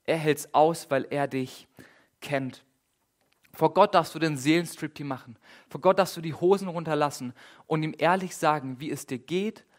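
A man preaching a sermon in a casual, lively way, with dramatic retellings and repeated phrases. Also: fairly high pitch.

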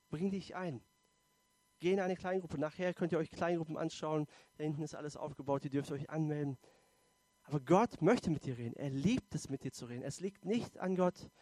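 A man's voice: fairly high pitch, moderate pace, mellow, no room sound. A man preaching a sermon in an earnest way, asking rhetorical questions and repeating phrases for emphasis. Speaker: pastor. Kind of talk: sermon with altar call and prayer.

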